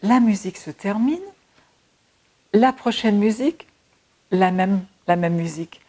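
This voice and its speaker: Mellow-voiced woman telling a personal story. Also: medium pitch, measured pace, breathy edge. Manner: animated retelling with many fillers and restarts. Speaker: energy healer.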